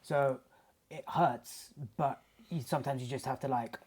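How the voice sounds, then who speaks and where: A man talks as a podcast guest at a middling pitch. He is playful and jokey, drops the odd swear word, and keeps the conversation easygoing. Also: fairly even intonation, unhurried, a little mellow, husky. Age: 30s. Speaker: guest, martial artist and sports massage therapist. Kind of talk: casual chat.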